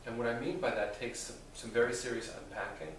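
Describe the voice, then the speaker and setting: A man speaking as a rabbi, answering theological questions in a deliberate, thoughtful way with careful qualifications. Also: mid-range voice, fairly even intonation. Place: reverberant indoor room with an audience. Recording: very echoey room, distant mic, faint noise.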